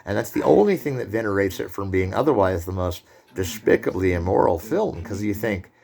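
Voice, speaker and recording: A man's voice: on the low side, expressive, a little fast, creaky, mellow. A man giving a rambling film lecture, full of digressions and joking asides.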